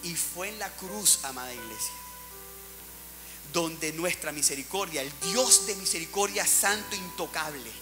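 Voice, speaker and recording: A man preaching a sermon to his church, with big swings in loudness as he acts out the people in the story. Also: on the high side, in a large hall. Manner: preaching with dramatic swings, acting out Bible characters. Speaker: pastor.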